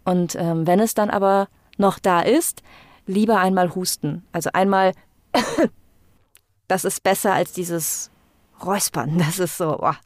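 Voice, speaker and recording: A woman's voice: lowish voice, fairly even intonation, moderate pace, no room sound. A woman voice coach explaining her work in a podcast interview, thoughtful and explanatory, with frequent fillers.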